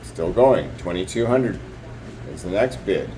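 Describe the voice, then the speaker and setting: A man's voice: low voice, expressive, a little slow, warm tone, slight background noise, poor audio. A man working as a live auctioneer, calling bids and increments in repetitive, clipped patter.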